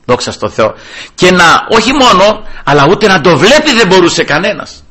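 A man's voice: high-pitched, big pitch swings, a bit bright, husky. A man preaching a sermon, emphatic, often calling out to the congregation as brothers and rising sharply when he quotes scripture. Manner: addresses listeners as brothers.

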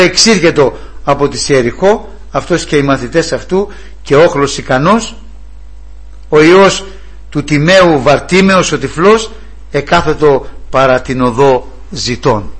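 A middle-aged male preacher delivers an impassioned sermon. His voice is husky and sits a little high for a man. He swings from loud, ringing cries to hushed, pleading tones.

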